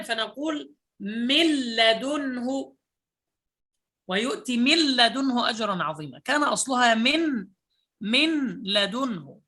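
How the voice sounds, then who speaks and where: A man teaching Quran recitation rules, explaining patiently and repeating example words slowly. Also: very high-pitched, pushed and bright. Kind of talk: recorded online lesson.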